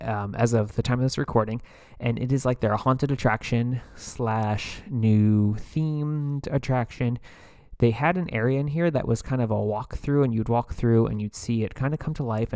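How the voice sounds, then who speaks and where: A man's voice: lowish voice, darkish tone, dry recording, studio quality. A man hosting a podcast, chatting casually in a rambling way as he reviews theme park rides, with frequent filler words and asides. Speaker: podcast host.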